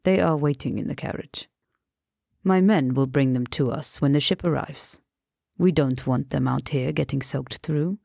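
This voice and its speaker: A suave, wealthy man speaks in a deep, purring Persian accent, as a woman narrating an audiobook puts him on. He stays calm and faintly teasing, never in a hurry. The voice is low with a gravelly edge in a dry, close sound. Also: moderate pace, no echo, exaggerated voice. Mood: calm, amused.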